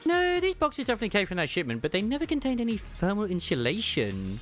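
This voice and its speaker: A man reading a game character's lines aloud, with big leaps in pitch and some background music. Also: wildly swooping pitch, quick pace, fairly bright tone, heavily acted. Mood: eager.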